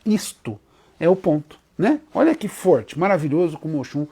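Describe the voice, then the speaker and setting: A man with a Brazilian Portuguese accent leads a religious teaching on a live stream. His voice sits somewhat high yet sounds mellow and warm. He speaks with devout tenderness and addresses his listeners as his children. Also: very animated, normal speed, husky. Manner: devotional, sings chant verses in a rising voice; speaks softly and tenderly to viewers, calling them daughter. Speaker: Umbanda spiritual leader hosting a live stream. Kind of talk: religious teaching with sung chants.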